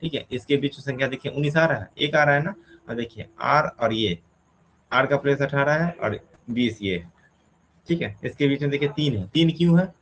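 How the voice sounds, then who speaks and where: Male teacher, mid-pitched voice, talks through each step and quizzes himself, light hiss behind. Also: brisk, rough recording. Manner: asks questions and answers them himself, counts step by step. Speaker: reasoning teacher. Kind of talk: explaining a classroom problem.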